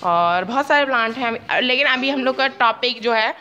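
A woman's voice: on the high side, lively intonation, normal speed, sharp tone, muffled recording, a little hiss or hum. A woman vlogging from her home garden, chatty and talking straight to her viewers, often breaking into giggles. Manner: giggly, keeps laughing while talking; chatty, addresses viewers directly. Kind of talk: casual home vlog, showing plants. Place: home garden with potted plants.

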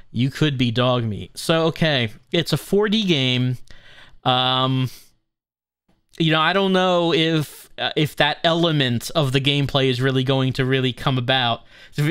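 A man's voice: medium pitch, a bit bright, clean tone, no echo, studio quality. A man hosting a gaming video, chatting casually and musing as he plays. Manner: musing, conversational. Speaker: gaming channel host. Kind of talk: casual game commentary.

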